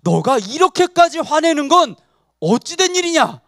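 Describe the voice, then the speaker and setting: A man voicing God as a grave, fatherly figure, speaking slowly and solemnly in a children's sermon. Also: very high voice, very animated, a bit bright, no echo, studio quality, pitched above the performer's own voice, exaggerated voice. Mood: questioning. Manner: slow, solemn, deliberate.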